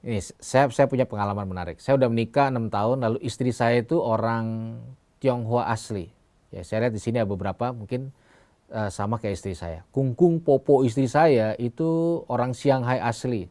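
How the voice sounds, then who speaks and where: A man's voice: mid-range voice, moderate pace, darkish tone, dry recording. A man from eastern Indonesia preaching to young people, speaking right to them and telling humorous stories. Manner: humorous storytelling, direct address to the listeners.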